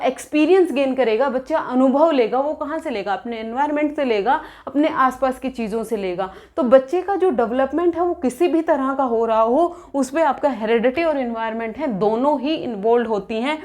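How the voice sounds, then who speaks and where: High-voiced woman teaching an exam lesson. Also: a little mellow. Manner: explains by asking questions and answering them; restates terms in both English and Hindi. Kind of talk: exam-prep lecture.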